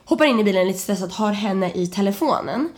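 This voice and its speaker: A young woman, a podcast co-host, telling a story in casual chat and acting out the people in it. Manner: animated, acts out quotes with sudden high shouts.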